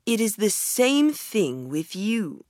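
A woman's voice: mid-range voice, sing-song, slow, darkish tone, no room sound, studio quality, voice pushed up. A woman voicing an eccentric storybook hatter with a pedantic, nonsensical manner. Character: eccentric, pedantic, riddling mad male hatter. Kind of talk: storybook character reading.

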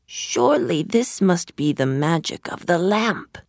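A woman's voice: on the low side, lively intonation, unhurried, creaky, darkish tone, no room sound, heavily acted. A woman voicing a scheming, greedy male magician in a storybook reading. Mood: sneering.

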